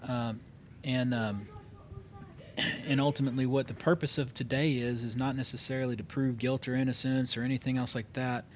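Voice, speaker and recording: Dull, noisy recording of a formal courtroom man. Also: level tone. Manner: formal court-clerk announcing, hesitant with frequent pauses. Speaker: judge in an online role-play game. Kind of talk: improvised courtroom role-play, formal court proceedings. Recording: dull lo-fi mic with clear rumbling noise.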